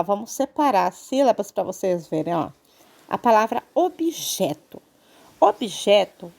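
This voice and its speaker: Speaking with a Brazilian Portuguese accent, a woman teaches children Portuguese online. She walks them patiently through a grammar point and checks in frequently, her mid-range voice a little mellow.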